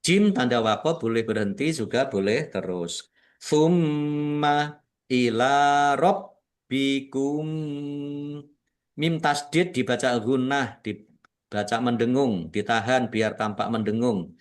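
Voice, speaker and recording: Slow, deliberate male Quran teacher. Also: medium pitch. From Indonesia. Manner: patient, deliberate, repeats rules and stretches out recited words. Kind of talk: tajwid lesson with slow recitation.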